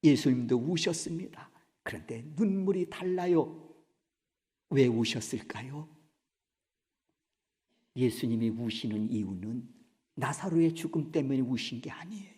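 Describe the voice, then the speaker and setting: A man preaching a Sunday sermon as pastor in a church sanctuary. He swings between loud cries and hushed whispers and asks the congregation questions. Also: medium pitch, animated, unhurried, long pauses. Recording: reverberant church hall.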